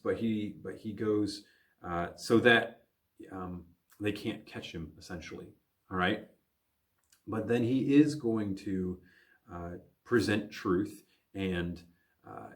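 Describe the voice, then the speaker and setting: A Midwestern American pastor with a lowish voice teaches a recorded Bible lesson for teenagers. He thinks aloud as he goes, with frequent fillers and restarts.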